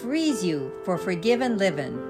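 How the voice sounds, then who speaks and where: A woman co-hosting a devotional program, reading scripture aloud in a measured, plain way. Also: medium pitch, very animated, music in the background. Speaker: co-host and scripture reader.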